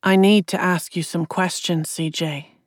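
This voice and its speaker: Woman reader doing a composed undersheriff, slow, even questioning, dry audiobook sound. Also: fairly low pitch, dry recording. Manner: measured, quietly probing. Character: calm steady female undersheriff questioning a victim.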